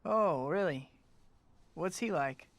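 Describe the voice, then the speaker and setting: A man's voice: a little high, animated, slow pace, no echo. Spider-Man, boyish, dry, wisecracking. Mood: awkward warmth. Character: wry young male superhero, earnest, wisecracking, boyish. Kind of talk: video game cutscene acting.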